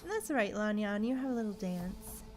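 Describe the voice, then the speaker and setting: A woman livestreams a video game and chats casually, tossing out playful exclamations and slang. Her mid-range voice has lively intonation, a darkish tone and normal speed, with a little hiss or hum and video game music behind her.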